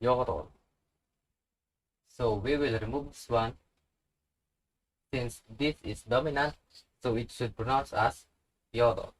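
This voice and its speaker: A man's voice: medium pitch, unhurried, pauses often, low-quality recording. A man teaching a language lesson, patiently repeating each example word. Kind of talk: slow instructional tutorial.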